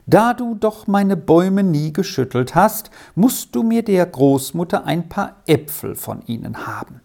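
Woman voicing a middle-aged farmer's wife, generous, firm, brisk, kindly, slow, storybook. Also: lowish voice, very animated, vocal fry, a little mellow, voice pushed up, exaggerated voice.

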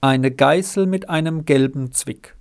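Glum little boy, slow and low, a gravelly reader voices him; storybook. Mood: stubborn. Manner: downcast, slow.

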